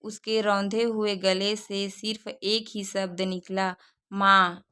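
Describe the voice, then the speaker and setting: A woman narrating a moral story in a calm, measured reading as the channel's storyteller. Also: mid-range voice, clear, resonant tone.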